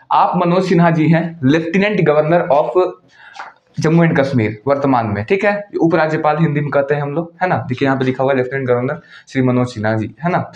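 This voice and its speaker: A man's voice: fairly high pitch, darkish tone. A man hosting an informal explainer lecture in a chatty, teasing way. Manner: chatty, teasing, with frequent "ठीक है" tags. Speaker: educational channel host. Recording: roomy, dull lo-fi recording.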